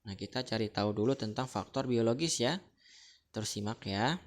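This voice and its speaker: A man's voice: medium pitch, normal speed. Chatty man giving a casual lesson. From Central Kalimantan, Indonesia. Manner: chatty, checks in with the listener often. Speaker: teacher. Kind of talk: casual explanatory lecture.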